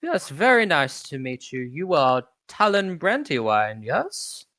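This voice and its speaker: A man's voice: fairly high pitch, big pitch swings, a little slow, bright, forceful tone, no echo, clean studio sound, heavily acted. A man, running a tabletop game, voicing a polite and fussy male butler robot who talks in a prim, courteous way. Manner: prim, smooth-talking and courteous.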